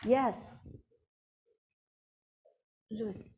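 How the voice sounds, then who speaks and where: A woman's voice: fairly high pitch, drawn-out words, dark tone, slight background noise. A woman moderating a panel informally, inviting questions from an audience.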